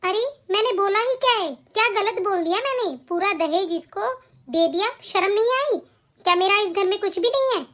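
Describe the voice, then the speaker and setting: A woman voicing a wronged young wife and mother in an animated cartoon, defiant and aggrieved. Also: very high voice, moderate pace.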